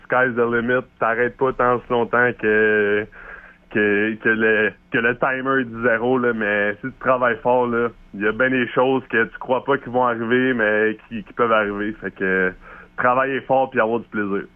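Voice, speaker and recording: A man's voice: mid-range voice, fairly even intonation, normal speed. A man with a Québécois accent chatting casually as an athlete in an interview, hesitant and slangy. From Quebec, Canada. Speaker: hockey player being interviewed. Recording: thin phone-like call sound.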